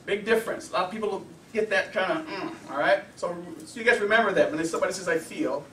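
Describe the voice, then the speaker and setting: Animated man lecturing in an echoey room. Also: sits high, quick pace, recorded from a distance, a little hiss or hum. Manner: animated, conversational, acts out quotes. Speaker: anger management instructor. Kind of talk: informal classroom lecture.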